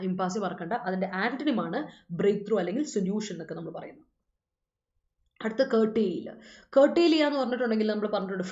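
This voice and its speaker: A woman's voice: medium pitch, darkish tone. Woman, vocabulary teacher, mixes two languages and corrects students' sentences aloud. Echoey room, muffled sound. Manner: mixes Malayalam and English, reads students' comments aloud and corrects them; repeats reminders to remember. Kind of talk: live online class explaining English words. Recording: roomy, dull-sounding room recording.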